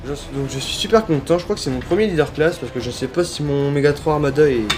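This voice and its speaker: A man's voice: on the high side, fast talker. Chatty man filming a toy unboxing. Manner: chatty, hesitant, many fillers and self-corrections. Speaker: toy collector vlogger. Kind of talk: casual unboxing commentary. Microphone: handheld phone without tripod.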